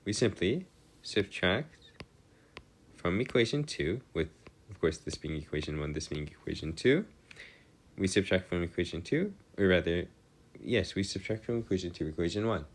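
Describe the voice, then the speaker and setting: Working through equations in an informal lecture, this male maths tutor speaks at a moderate pace in a low, slightly rough voice with an animated delivery. He explains in formal language and keeps correcting himself along the way.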